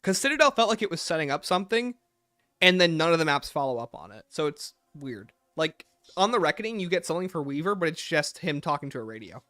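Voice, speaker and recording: Bright-voiced male streamer. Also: fairly high pitch, big pitch swings, fast, no echo. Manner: opinionated, reads and answers chat aloud. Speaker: livestream host. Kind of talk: casual livestream commentary.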